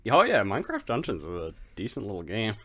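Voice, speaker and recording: A man with a low voice that swings widely in pitch, co-hosting a gaming podcast. He laughs often and makes self-deprecating jokes in casual chat. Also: wildly swooping pitch, quick pace, pushed and bright. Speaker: podcast co-host.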